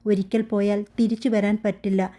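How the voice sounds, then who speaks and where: A woman's voice: mid-range voice, little pitch movement, fairly quick, mellow, natural voice. A woman voicing a stern, haughty older mother-in-law who talks in a dismissive, mocking way.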